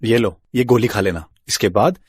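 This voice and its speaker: A selfish teenage schoolboy from a cartoon, voiced by a woman who drops her voice far down into a gruff, low register. The sound is dry and close. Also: moderate pace, darkish tone, no room sound. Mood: cold. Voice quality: gruff, lowered voice.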